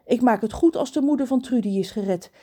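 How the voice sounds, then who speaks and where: A woman's voice: on the high side, brisk, dark tone, slightly rough, voice pushed up. A woman voicing a ten-year-old boy in a storybook, earnest and close to tears. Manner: earnest, tearful. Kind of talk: storybook character voice.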